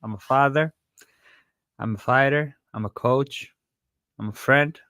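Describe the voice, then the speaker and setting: A man's voice: medium pitch, unhurried, a bit bright, no echo, clean studio sound. A man, a boxing coach, speaking as an interview guest in a plain-spoken, reflective way. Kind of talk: casual interview.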